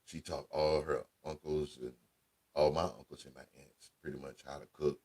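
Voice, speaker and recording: A man with a deep voice, telling casual family stories as a radio show host, laid-back and conversational with slang. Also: little pitch movement, normal speed, mellow, husky. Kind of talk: casual storytelling monologue.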